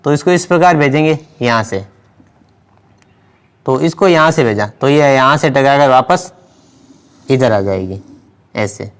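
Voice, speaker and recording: A man's voice: medium pitch, expressive, a little slow, long pauses, smooth. A man teaching a science lesson, explaining step by step and repeating key words as he writes on the board. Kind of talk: blackboard lesson.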